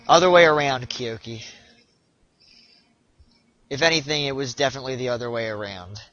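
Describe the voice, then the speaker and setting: Young male streamer, bright voice, stop-start casual chat, muffled lo-fi stream audio. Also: medium pitch. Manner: chatty, halting, frequent restarts and repeats. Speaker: speedrunner streaming live.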